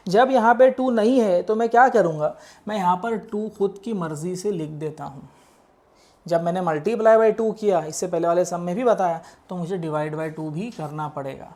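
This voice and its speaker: A man's voice: high-pitched, normal speed, warm tone. A man teaching engineering maths, explaining worked problems step by step. He mixes English math terms into his talk and keeps checking that students follow.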